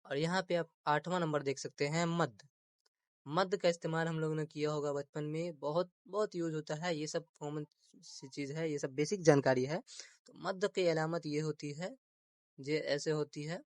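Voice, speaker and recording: A man gives a grammar lesson in a slightly higher-than-usual voice, recorded close with no room sound. He stretches key terms, repeats them, and keeps asking his listeners whether they follow. English words turn up now and then in his explanations. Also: steady tone, no room sound. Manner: repeats terms slowly, asks rhetorical questions; mixes English words into teaching. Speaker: Urdu grammar teacher.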